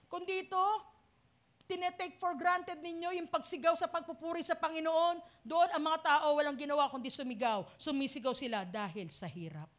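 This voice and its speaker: A woman's voice: sits high, steady tone, moderate pace. A woman pastor with a Filipino accent preaching a sermon, dramatic and acting out the cries of the lost. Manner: dramatic, acts out voices of the lost.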